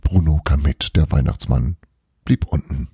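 A man reading a children's Christmas story aloud as a podcast storyteller, in a calm, lively read-aloud manner. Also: extremely low pitch, a little slow, vocal fry, breathy edge, dry recording, clean studio sound. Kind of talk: scripted storybook narration.

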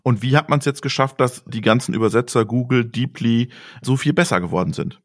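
A man's voice: mid-range voice, brisk, dry recording, studio quality. A man hosting the conversation, asking curious questions and affirming. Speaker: host. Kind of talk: casual interview questions.

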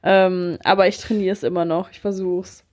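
A woman's voice: lowish voice, normal speed. Young German woman chatting casually. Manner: animated storytelling, mixes in English words. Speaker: podcast host. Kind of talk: casual humorous chat.

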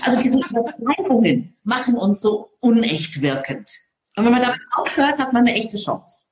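A woman who speaks on stage, telling stories in an interview in a lively, expressive way. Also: fairly high pitch, moderate pace, roomy sound. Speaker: public speaker. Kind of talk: interview conversation.

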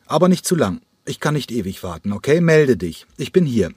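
A man's voice: medium pitch, sing-song, a little fast, darkish tone, husky, no room sound, voice pushed up. A man reading an audiobook, voicing a driven male ballet director who talks in a pressing, emphatic, impatient way. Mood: urgent, pleading.

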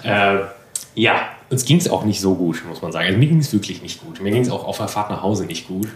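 Podcast guy rambling along, lots of ums, kinda low voice, roomy echo. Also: animated, brisk, background noise. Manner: rambling, self-deprecating, many fillers. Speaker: podcast co-host. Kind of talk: casual chat. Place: apartment room.

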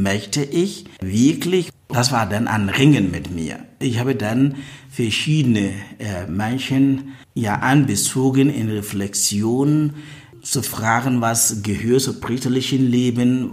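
A man's voice: medium pitch, a little mellow. Priest in his fifties, reflective. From Ghana. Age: 50s. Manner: reflective, searching for words. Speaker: priest in a religious order, guest. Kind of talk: personal interview.

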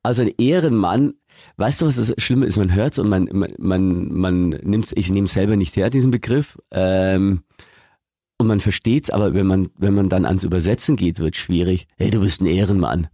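Chatty husky-voiced man. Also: low voice, moderate pace, mellow, no room sound, studio quality. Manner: chatty, trailing off with fillers. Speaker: podcast host. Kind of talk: casual chat.

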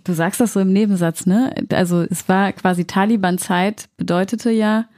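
A woman asking interview questions in a clear, measured way and reading scripted narration. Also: mid-range voice, steady tone, darkish tone.

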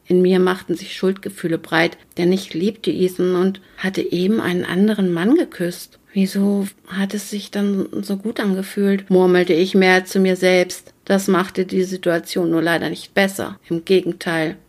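A woman narrating a romance novel in the first person, in a steady, even storytelling manner. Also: fairly low pitch, moderate pace, few pauses. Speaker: audiobook narrator.

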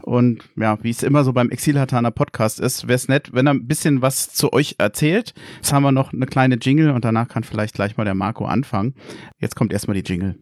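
A man's voice: mid-range voice, fairly even intonation, brisk, darkish tone, no room sound, clean studio sound. A man hosting a podcast, chatting and asking his guests questions. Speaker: podcast host. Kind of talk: casual interview.

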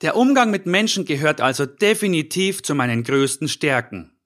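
A middle-aged life coach with a fairly high, slightly bright voice delivers a scripted motivational podcast talk. Speaking directly to the listener at normal speed, he sounds animated, earnest, and encouraging.

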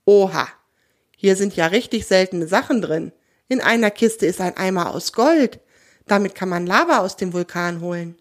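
A woman reading a children's audio story aloud in a gentle, expressive way. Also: mid-range voice.

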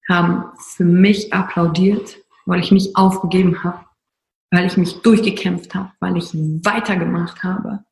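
A woman with a gravelly, fry-edged voice recounts a personal struggle in a motivational talk. She speaks emphatically and confessionally, hammering points home with repeated phrases. The sound carries a roomy echo. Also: medium pitch, darkish tone.

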